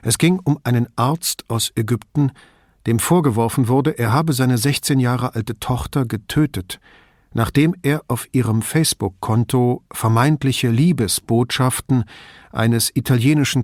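A man narrates an audiobook in an even, measured read. His voice is mid-pitched, and the recording is dry and close, with no room sound. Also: no room sound.

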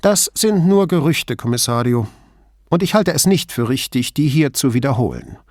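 A man's voice: medium pitch, expressive, moderate pace, darkish tone, no echo, studio quality, pitched above the performer's own voice, natural voice. A man voicing a protective, fiery middle-aged female shop owner in an audiobook, talking heatedly. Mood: guarded. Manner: heated, emphatic.

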